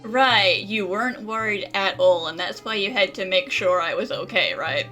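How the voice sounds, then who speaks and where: An actress playing a lively, playful young woman who teases, in a video game. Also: medium pitch, moderate pace, faint music behind, natural voice. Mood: teasing. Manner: teasing, playful.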